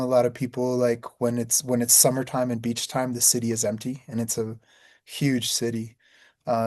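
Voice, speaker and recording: A man from Peru, whose first language is Spanish, speaks as a podcast guest at a middle pitch. He talks in a relaxed, easygoing way, repeating words as he restarts sentences. The sound is dry. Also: no room sound. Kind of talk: casual interview.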